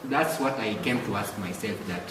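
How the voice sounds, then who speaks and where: A man's voice: on the low side, moderate pace. A Kenyan man, a religious education teacher, answering interview questions hesitantly and often repeating words as he searches for them. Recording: echoey room, far mic, background noise.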